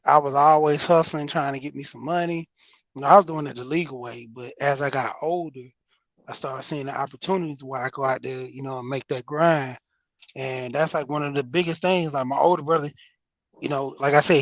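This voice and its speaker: A man's voice: a little high, no echo, highs cut off. A man with an Atlanta accent, chatting casually, hesitant and trailing off as he restarts sentences. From New Mexico. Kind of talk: casual podcast chat.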